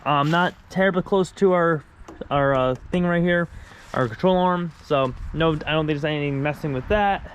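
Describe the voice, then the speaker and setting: This race-car vlogger, stuffy-voiced after an illness, talks through taking apart his wrecked car in a rambling, informal way, correcting himself along the way. His voice is fairly high at a normal speed, and a bit of hiss or hum runs through the recording.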